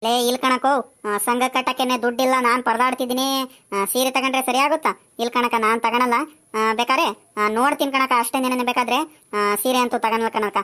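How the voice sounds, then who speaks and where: A woman's voice: a little high, steady tone, moderate pace, pushed and bright. A woman playing a chatty, bossy village woman shopping for saris, nagging and teasing in a comedy skit.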